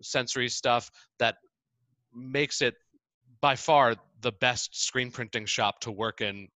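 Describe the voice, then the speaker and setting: A man in a conversational interview, speaking in an enthusiastic, halting way, with frequent fillers and giggles. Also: medium pitch, pushed and bright, dry recording.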